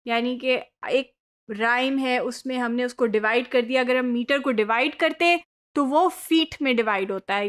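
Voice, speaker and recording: A woman's voice: high-pitched, fairly bright tone. A woman lecturing in an online course, explaining patiently and mixing English terms into her speech. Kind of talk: recorded lecture.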